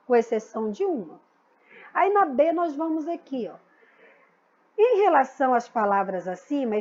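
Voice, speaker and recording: A woman's voice: sits high, darkish tone, highs cut off. A woman teaching a grammar lesson, patiently explaining and repeating key words for her students. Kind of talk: recorded school lesson.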